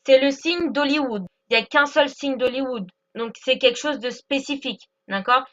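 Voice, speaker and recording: A woman gives a patient grammar lesson, slowing down to spell out each example and asking if it's clear. Her voice sits high and sharp-toned. The recording sounds somewhat dull and lo-fi. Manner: patient, repeats examples slowly, checks with "d'accord?". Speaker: English teacher. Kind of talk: explaining English grammar lesson.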